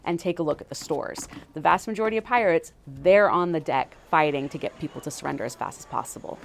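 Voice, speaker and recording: A woman's voice: low voice, fast, creaky, slight background noise. A woman historian explaining as a guest in a casual way, full of "like" and "you know". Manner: chatty, filler-heavy with frequent 'like, you know'.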